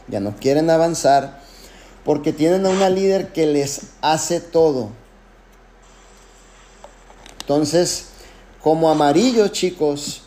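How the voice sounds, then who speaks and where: A man who leads a network marketing team delivers an emphatic motivational talk, packed with anecdotes and addressed directly to listeners. His voice sits on the high side with a dark tone.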